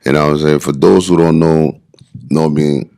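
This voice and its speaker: Very deep-voiced man. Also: steady tone, moderate pace, gravelly, mellow. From Liberia. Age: 40s. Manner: loose slangy hype talk. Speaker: guest bodybuilder. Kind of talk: casual podcast storytelling.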